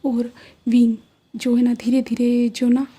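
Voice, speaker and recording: A woman narrating a fan fiction story in Hindi-English, in a soft, often whispered voice. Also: on the high side, monotone, unhurried, breathy edge.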